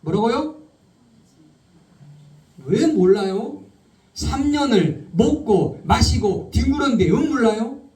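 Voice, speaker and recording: A male pastor preaching a sermon, firing rhetorical questions at the congregation and slowing down to stress key words. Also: extremely high pitch, animated, a little mellow. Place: church sanctuary. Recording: roomy hall, speaker far from the mic.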